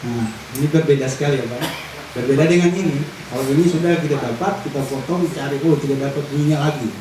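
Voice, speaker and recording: A man's voice: medium pitch, fast talker, a crowd in the background. A man demonstrating how a traditional instrument is made, explaining step by step and plainly to a workshop audience. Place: large hall. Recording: roomy echo, distant mic, audible room noise.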